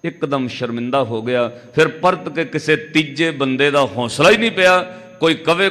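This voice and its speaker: A man preaching a Sikh katha sermon, telling a story with lively delivery, sometimes breaking into melodic chanting. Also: on the high side. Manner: animated storytelling, acting out dialogue in quotes. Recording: long hall reverb.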